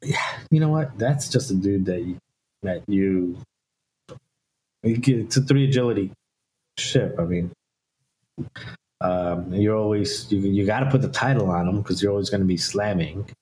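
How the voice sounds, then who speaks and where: A man co-hosting a podcast, chatting casually and joking, with halting restarts. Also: on the low side, a little mellow, a little hiss or hum, low-quality recording. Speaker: podcast co-host.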